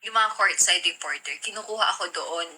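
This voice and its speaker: A woman's voice: fairly low pitch, a little fast. A young woman in her twenties from the Philippines, hosting a casual livestream in a giggly, chatty way and greeting viewers by name. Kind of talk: casual live-stream chat. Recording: loud background noise with clicks.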